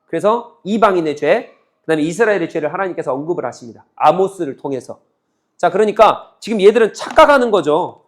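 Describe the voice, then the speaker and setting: A male pastor preaching a sermon, asking his listeners questions and acting out the quoted voices in a lively back-and-forth. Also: high-pitched, a little fast. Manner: asks the congregation questions and answers them. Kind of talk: sermon teaching on a Bible book.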